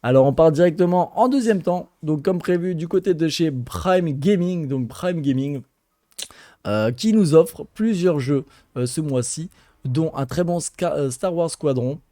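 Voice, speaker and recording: Male gaming youtuber, relaxed and hesitant, dark mellow voice, dry recording. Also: on the high side, measured pace, dry recording. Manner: chatty, hesitant with frequent fillers, addresses viewers as friends. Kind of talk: casual gaming news chat.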